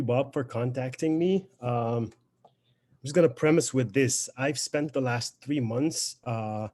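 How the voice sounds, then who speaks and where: Young male poet, Lebanese accent, native Arabic speaker, mid-range voice, reflective, pausing as he introduces his work. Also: medium pitch, a little mellow, breathy edge. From Beirut, Lebanon. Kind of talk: informal spoken introduction to a poetry reading.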